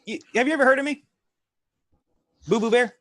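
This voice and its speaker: A man voicing a cocky, self-important mobster bear who talks in halting, smooth-operator pitches in a tabletop game. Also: pushed and bright, dry recording, studio quality. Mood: boastful.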